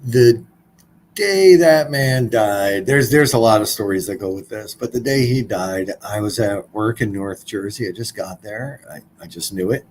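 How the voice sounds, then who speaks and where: A man's voice: lowish voice, unhurried, darkish tone, a little hiss or hum, low-quality recording. A man in his forties, a podcast guest, telling a personal story in a blunt, casual way, swearing freely.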